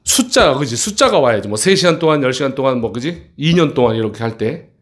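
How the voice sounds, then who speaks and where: In a middle school classroom, a male teacher works through a passage from an English textbook, regularly tossing out short questions to check on the students. His voice is medium in pitch but swings widely up and down.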